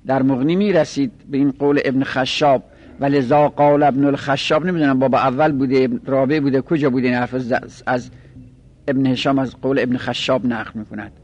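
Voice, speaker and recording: A man giving a classroom lesson on grammar and poetic meter, explaining patiently, repeating terms and reciting verse in a slow rhythmic chant. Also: mid-range voice, fairly even intonation, a little mellow. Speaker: teacher of Arabic grammar. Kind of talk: classroom lecture.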